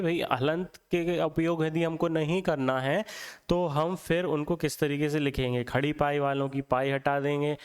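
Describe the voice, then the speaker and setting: A man teaching Hindi for exams, explaining step by step and repeating words slowly to show how they sound. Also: on the high side, clear, resonant tone. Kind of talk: classroom lecture for exam prep.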